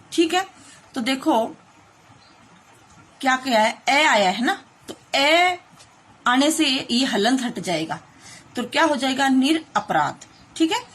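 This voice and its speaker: Woman schoolteacher, high husky voice, patient step-by-step explainer for young pupils. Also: lively intonation, fairly bright tone. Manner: slow, patient, explains step by step with many checking questions. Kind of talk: online grammar lesson for children.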